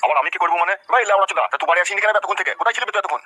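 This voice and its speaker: A man's voice: sits high, sharp tone, no echo. An actor voicing a foul-mouthed middle-aged village father-in-law who rants and curses in a comic cartoon dub. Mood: ranting. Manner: rapid cursing rant.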